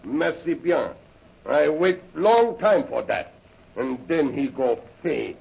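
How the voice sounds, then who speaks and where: In a 1930s radio adventure, a rough, fawning French henchman speaks in a gravelly, high-pitched voice, mixing broken English with French exclamations. He is jealous and boastful, sounding eager and full of himself, with lively intonation, a slow pace, and a full character voice. The old-time recording is muffled.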